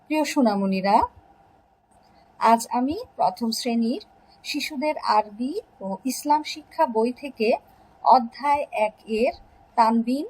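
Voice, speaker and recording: A woman from Bangladesh teaching an online religion class to young children, gently and slowly drawing out pronunciation drills. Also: a little high, low-quality recording. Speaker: Islamic studies teacher.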